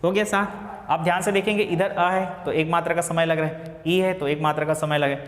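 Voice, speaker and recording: Male teacher, fairly high voice, echoey hall with long reverb, drawn-out repetition. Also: flat delivery. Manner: asks and answers his own questions, repeats key phrases slowly. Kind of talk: classroom lecture. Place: classroom.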